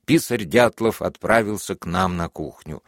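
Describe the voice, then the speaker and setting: A man reads a classic novel aloud in a measured, even narration. His voice sits fairly low. The recording is dry and close, with no room sound. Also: no room sound. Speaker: audiobook narrator. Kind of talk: scripted literary narration.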